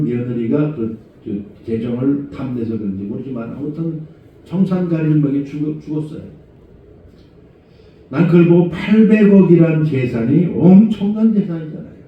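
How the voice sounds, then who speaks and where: A middle-aged man preaching a conversational sermon as senior pastor, asking rhetorical questions and moving between low murmurs and raised exhortation. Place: church sanctuary. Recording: echoey church hall, far from mic, dull sound.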